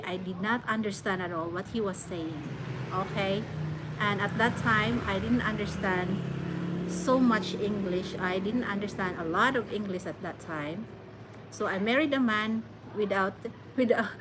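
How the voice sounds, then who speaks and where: A woman chatting casually as a vlogger, halting and often repeating words and restarting phrases. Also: fairly high pitch. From Philippines. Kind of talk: casual chat. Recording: clear background noise.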